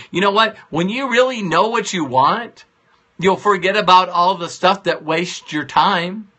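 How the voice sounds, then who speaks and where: A man's voice: high voice, bright, forceful tone. A man giving an earnest motivational talk on a phone live stream, pleading and repeating his key phrases. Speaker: motivational broadcaster.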